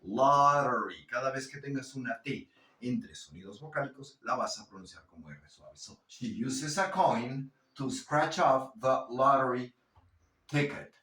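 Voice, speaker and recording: A man teaching English pronunciation in a lesson, drawing out example sentences slowly between explanations. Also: medium pitch, fairly bright tone, roomy sound, far from the mic. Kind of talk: language lesson.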